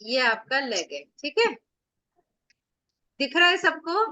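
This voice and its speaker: A woman's voice: high-pitched, big pitch swings, slow, pushed and bright, dry recording. A woman acupressure teacher giving an online revision lecture over a video call, explaining step by step with rhetorical questions and staying firm with her students.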